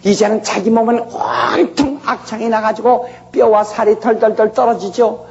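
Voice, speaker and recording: Brief: male pastor, dramatic sermon storyteller, high-pitched, muffled recording. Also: steady tone, normal speed, gravelly, darkish tone, a little hiss or hum. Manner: dramatic storytelling, acting out voices. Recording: echoey hall, dull lo-fi sound.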